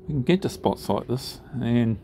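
A man narrating his sailing trip over drone footage in a relaxed, unhurried way, with frequent ums and pauses. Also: mid-range voice, background noise.

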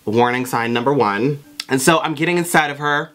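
A young adult American vlogger with an androgynous voice, telling a story in casual, sassy, animated chat with plenty of swearing. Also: medium pitch, fairly quick. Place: small bedroom, indoors. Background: background music.

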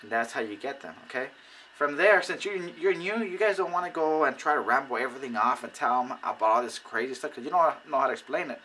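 A man giving casual how-to advice on recruiting people, animated and acting out conversations. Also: medium pitch, fast talker, a little hiss or hum, poor audio. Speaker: network marketing recruiter. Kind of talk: casual how-to video talk.

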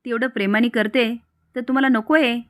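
A woman's voice: fairly high pitch, steady tone, brisk, a bit bright, no room sound, studio quality, close to an everyday voice. A woman voicing an outspoken married woman who argues back. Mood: indignant. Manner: indignant, argumentative.

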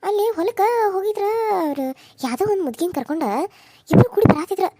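A woman's voice: very high voice, expressive, quick pace, warm tone, dry recording. A woman voicing a worried village woman friend in a cartoon serial, with a North Karnataka Kannada accent, confiding and urgent.

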